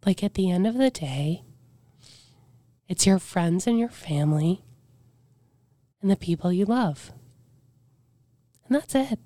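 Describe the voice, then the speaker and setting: A woman in her forties with a hoarse, weakened voice, telling her story as a podcast guest in a candid, reflective way. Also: on the low side, animated, slow, long pauses, mellow, no room sound. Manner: earnest, reflective, breaks into faint whispers.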